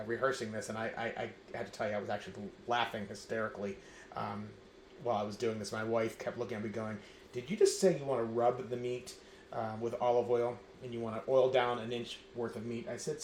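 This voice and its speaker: A middle-aged man hosting a casual home cooking demonstration, talking in a rambling, self-amused way with many fillers and restarts. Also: medium pitch. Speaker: home cooking show host. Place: home kitchen. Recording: roomy kitchen with faint ambient noise.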